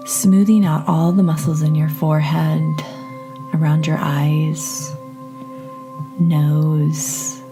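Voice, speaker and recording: Soothing low-voiced woman guiding meditation. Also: vocal fry. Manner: soothing, lowered therapist voice, slow and gentle. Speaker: podcast host and therapist. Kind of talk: guided meditation, calm grounding exercise.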